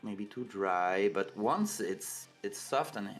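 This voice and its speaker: A man with a Québécois French accent, French his first language, chats in English on a livestream call. His voice sits low, and he pauses now and then to find the right words. Faint music plays behind him. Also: lively intonation. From Quebec, Canada. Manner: halting, searching for English words. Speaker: streamer. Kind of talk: casual chat on a livestream call. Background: faint background music.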